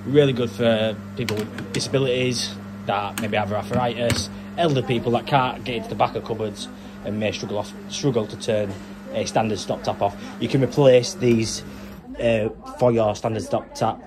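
A man's voice: medium pitch, fairly even intonation, normal speed, over music. A young man, a plumber talking casually as he films his work and explains each step in a practical, chatty way. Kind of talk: casual vlog narration. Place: factory floor, then a house kitchen.

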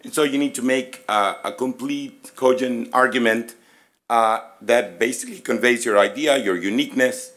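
Hoarse middle-aged man lecturing. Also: medium pitch, a bit bright. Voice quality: hoarse, raspy voice. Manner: halting, conversational, inviting questions. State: losing his voice, throat-clearing. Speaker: physics professor, presenter. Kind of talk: informal lecture presentation. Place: conference room, at a lectern. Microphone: gooseneck lectern microphone.

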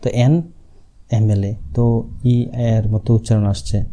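A man's voice: fairly low pitch, level tone, mellow. A man with a Bengali accent teaching an exam-prep grammar lesson, explaining each point step by step and checking with his students after each one. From Tripura, India. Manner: reads English rules slowly, word by word.

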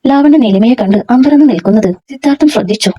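A woman narrating a serialized story in a brisk, steady storytelling manner. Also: a little high, husky. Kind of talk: scripted narration.

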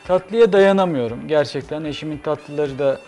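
A man in his sixties, a cafe owner guest, speaking in a measured, hesitant way with many pauses. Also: fairly high pitch, darkish tone, soft background music. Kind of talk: studio interview. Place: TV studio kitchen set.

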